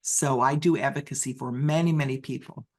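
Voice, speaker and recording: A mid-range, steady, somewhat dark voice belongs to an interpreter narrating a deaf person's personal account in the first person. The speech halts often, full of restarts and self-corrections.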